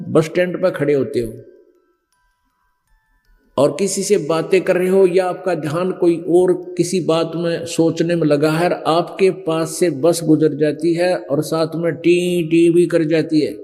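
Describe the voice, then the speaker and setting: A man's voice: a little high, dark tone. A man telling a folksy story in a sermon. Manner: slow folksy storytelling with village speech. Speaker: preacher. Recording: long hall reverb.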